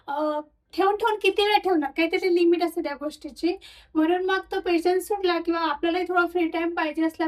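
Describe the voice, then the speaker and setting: Woman, 30s, very high voice, casual home vlog, chatty, phone camera. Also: darkish tone, distant mic. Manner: chatty, mixes English words, soothes a crying baby. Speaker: vlogger mother. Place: home, indoors.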